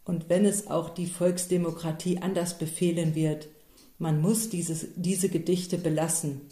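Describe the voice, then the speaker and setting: A big, gruff village mayor from a storybook, as a woman puts him on, gloomy and blustering and given to pride. He speaks slowly in a dark, low voice. A roomy echo hangs around the words. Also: little pitch movement, natural voice.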